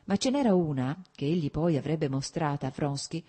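A woman reading a classic novel aloud as scripted audiobook narration, at a measured, even pace. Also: low-pitched. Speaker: audiobook reader.

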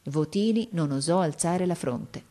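Low-voiced woman reading a classic story. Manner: expressive, measured storytelling. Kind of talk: audiobook reading of a classic novel.

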